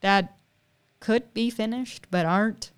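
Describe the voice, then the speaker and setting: A woman's voice: mid-range voice, slow, clear, resonant tone. Giggly chatty woman podcast host. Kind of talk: casual chat.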